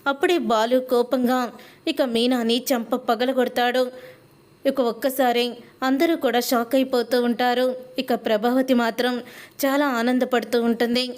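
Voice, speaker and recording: Woman narrating a soap recap, slightly high voice, flat even retelling. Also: normal speed. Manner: reads quotes in a flat retelling cadence. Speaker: storyteller recapping a TV serial.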